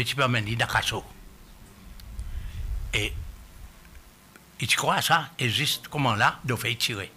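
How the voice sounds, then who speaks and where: Guy testifying at a hearing, super bright sharp voice, keeps stopping and restarting. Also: medium pitch, slight background noise. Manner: halting, searching for words, many restarts. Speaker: witness at a public hearing. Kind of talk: spoken testimony. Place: hearing room.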